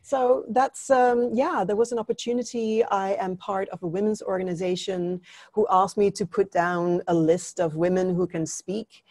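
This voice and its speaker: A middle-aged Danish woman, a native Danish speaker, earnestly explains her views as an interview guest on a video call through an earphone headset. Her medium-pitched voice is level and a little mellow, at a moderate pace, with no echo.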